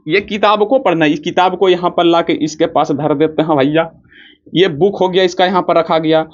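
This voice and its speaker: A man's voice: sits high, fairly bright tone. Man, teacher, rustic and joking, asks and answers his own questions, muffled lo-fi recording. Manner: rustic, joking teacher who keeps asking questions and answering them himself. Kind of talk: classroom physics lesson. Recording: dull lo-fi recording.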